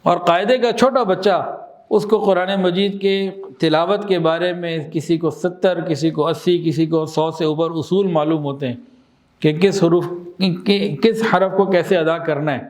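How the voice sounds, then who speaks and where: A man with a fairly high voice gives a religious talk. He explains with everyday examples, puts questions to his listeners and says key phrases again slowly for emphasis. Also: fairly even intonation, a little mellow. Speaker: Islamic teacher.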